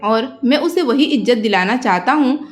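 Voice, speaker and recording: A woman's voice: fairly high pitch, animated, moderate pace, faint music behind, lightly acted. A woman voicing a wounded, proud young husband who speaks earnestly and sternly in a narrated story.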